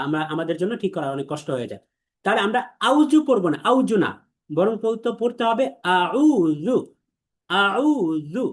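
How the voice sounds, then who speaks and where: Male online teacher, repeats sounds slowly to drill students. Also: high voice. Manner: slow drilling repetition of sounds. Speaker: Quran pronunciation teacher. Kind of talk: online class lesson.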